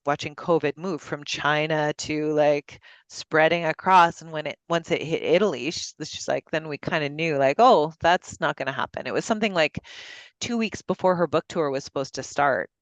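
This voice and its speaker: In dull, lo-fi call audio with no echo, a woman with a low-sitting voice leads a virtual book club at a moderate pace. Her casual group discussion over video is chatty and dotted with fillers and restarts.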